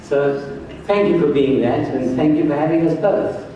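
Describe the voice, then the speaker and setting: An older man from South Africa addressing a congress as a church health director, speaking slowly and earnestly. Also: a little high, dark tone, slight background noise. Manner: slow, earnest, emphatic. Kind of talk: conference address and prayer. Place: large hall, on stage. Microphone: far camera, room mic. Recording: very echoey hall from far off.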